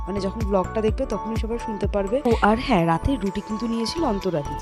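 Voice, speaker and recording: A woman's voice: medium pitch, darkish tone. A young woman with a Bengali accent, chatting directly to her viewers in a casual travel vlog. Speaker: travel vlogger.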